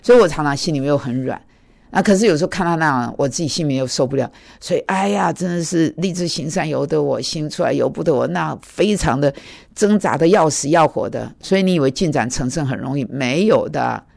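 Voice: mid-range voice, lively intonation, a little fast, gravelly, darkish tone. A preacher giving a conversational sermon, telling a personal story with many fillers and English words mixed in.

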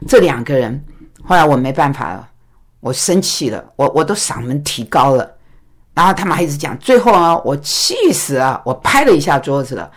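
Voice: mid-range voice, lively intonation, fairly quick, fairly bright tone. A pastor and teacher giving a recorded talk to a congregation, telling a story with stammered restarts and acted dialogue.

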